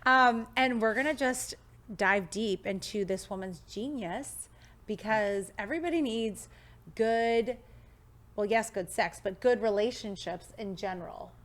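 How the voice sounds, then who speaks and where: A woman in her thirties with a mid-range, slightly bright voice speaks a little slowly. She hosts an upbeat podcast interview in a studio, reading a scripted intro and then chatting with her guest in a bubbly, enthusiastic way.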